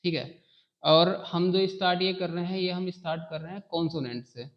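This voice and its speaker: A man's voice: high-pitched, brisk, muffled recording. A man teaching a beginner phonics lesson, repeating key phrases and checking in often with his students.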